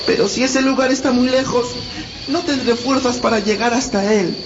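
Little girl voiced by a man, high squeaky falsetto, pleading and whiny, storybook, dull noisy sound. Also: steady tone, normal speed. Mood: fearful. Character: frightened tired little girl Gretel. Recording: dull lo-fi, loud background noise.

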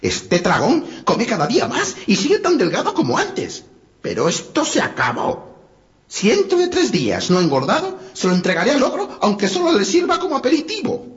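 A man's voice: very high voice, huge pitch swings, moderate pace, pitched above the performer's own voice, heavily acted. A man voicing a cruel, greedy old witch in a storybook, cackling and scolding in a raised, strained voice. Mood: raging. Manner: cackling, scolding, nearly shrieking at times. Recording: dull lo-fi, loud background noise.

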